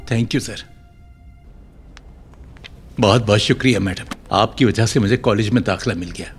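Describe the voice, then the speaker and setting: A man's voice: lowish voice, measured pace, close to an everyday voice. A man voicing a humble middle-aged father. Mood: polite. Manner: polite, eager. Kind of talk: Hindi film dub. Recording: dubbed film with music underneath.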